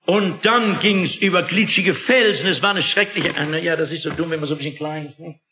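A man's voice: a little high, fairly quick, bright, forceful tone, a little hiss or hum. A man preaching a sermon in an emphatic, dramatic manner, often asking the listeners rhetorical questions. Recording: echoey, dull lo-fi recording.

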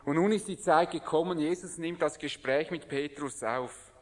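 A man preaching a sermon in an earnest manner, sometimes dropping to a hushed voice. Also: a little high, moderate pace, long reverb tail.

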